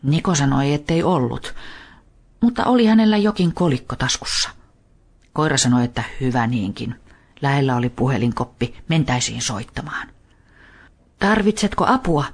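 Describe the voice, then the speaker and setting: A man narrating a children's story in a calm, even reading voice. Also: mid-range voice.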